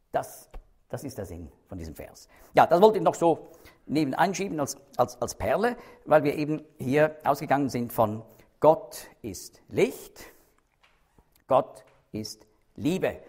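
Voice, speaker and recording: A man's voice: mid-range voice, darkish tone, slightly rough. A man teaching a Bible study, explaining carefully, stressing key words and checking in with his listeners.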